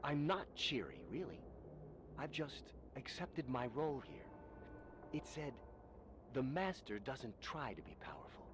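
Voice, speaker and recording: An actor playing a calm, weary, resigned male worker in video game dialogue. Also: medium pitch, unhurried, background noise.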